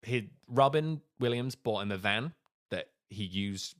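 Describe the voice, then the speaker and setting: A man co-hosting a podcast, retelling a life story in casual chat with animated asides. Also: on the low side, a little slow. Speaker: podcast co-host.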